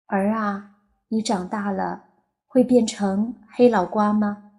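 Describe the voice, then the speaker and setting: A woman voicing an older mother who speaks gently and sadly to her little son in an audiobook. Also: mid-range voice, steady tone, slow. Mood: tender. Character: older mother, tender and sorrowful. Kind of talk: audiobook character voice.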